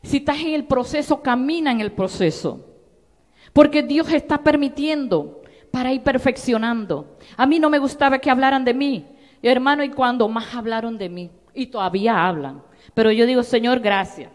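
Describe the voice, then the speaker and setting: A woman pastor preaching a sermon with personal testimony, moving between soft asides and loud exhortations. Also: sits high, animated, normal speed, long reverb tail. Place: church sanctuary.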